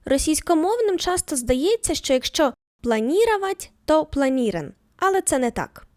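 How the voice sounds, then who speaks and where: A woman teaching a German lesson, reading each example sentence slowly twice and then translating it. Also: high voice, very animated, dry recording, clean studio sound. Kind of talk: scripted language lesson.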